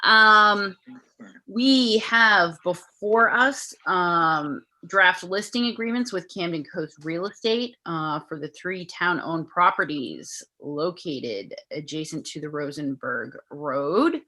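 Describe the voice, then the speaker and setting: Bright-voiced woman chairing a meeting. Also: lowish voice, slow pace, poor audio. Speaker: board chair. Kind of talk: formal meeting procedure.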